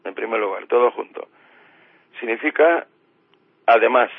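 A man's voice: mid-range voice, normal speed, no echo. A man explaining grammar patiently on a radio show, using everyday examples. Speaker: language expert guest. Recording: tinny phone line.

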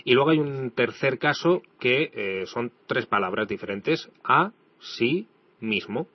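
A man's voice: medium pitch, animated, a little slow, no room sound, far from the mic. Radio host man, a bit off-mic. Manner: asks guiding questions and sums up for listeners. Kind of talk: radio talk. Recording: dull radio sound, off-mic.

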